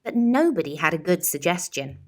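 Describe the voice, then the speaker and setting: A storyteller with a very animated voice on the low side reads a children's picture book aloud. Her delivery is dramatic and rhythmic, drawing out words in a rhyming cadence.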